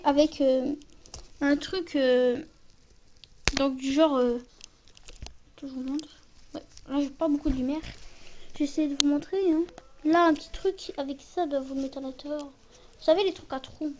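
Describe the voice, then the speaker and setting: High-voiced woman in a toy unboxing. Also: lo-fi sound, a little hiss or hum. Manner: talks while handling items, often ends phrases with a tag "hein". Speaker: toy reviewer. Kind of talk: casual unboxing and show-and-tell.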